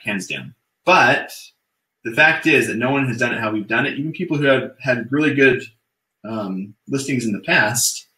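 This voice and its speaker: A man's voice: mid-range voice, pushed and bright, echoey room, poor audio. A young man co-hosting a sales webinar in casual, chatty talk, upbeat and loose with fillers. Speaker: webinar co-host.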